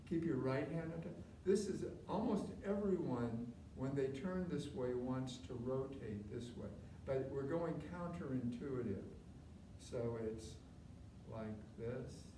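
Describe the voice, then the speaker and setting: A man instructing a tai chi class live, giving short step-by-step movement cues in an informal, gently encouraging way. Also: mid-range voice. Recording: distant mic, roomy echo, clear background noise.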